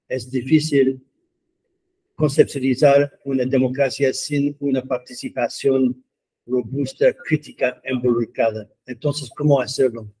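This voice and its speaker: In a meeting room, a Canadian man, a professor at a seminar, delivers a prepared talk to students through a handheld mic. His non-native Spanish comes out flat and measured in short phrases at medium pitch, and the audio is poor.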